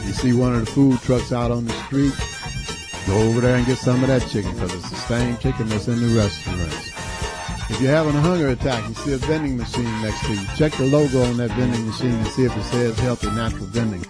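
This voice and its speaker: A man, co-hosting a talk show and reading ads in a steady, precise way. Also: mid-range voice, fast talker, loud music behind the voice. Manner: steady, precise, self-correcting. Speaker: co-host.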